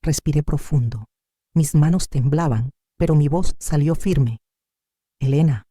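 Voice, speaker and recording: Mellow, dramatic storyteller woman. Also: low-pitched, unhurried, breathy edge, no echo, clean studio sound. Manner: dramatic, emotional reading. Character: woman of 75 telling her own story. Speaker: story narrator. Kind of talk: first-person dramatic story narration.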